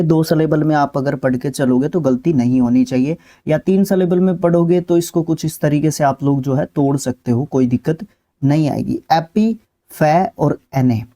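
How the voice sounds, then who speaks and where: A man teaching vocabulary in a relaxed, explanatory lesson, checking in often with his listeners and pausing on filler sounds. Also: on the high side. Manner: repetitive, with "ठीक है" check-ins and filler sounds. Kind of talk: explanatory lesson, talking through word lists.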